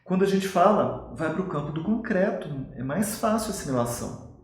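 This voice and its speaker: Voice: mid-range voice, animated, fairly quick, a little hiss or hum. A co-host on a parenting live stream, adding reflective remarks. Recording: very echoey room.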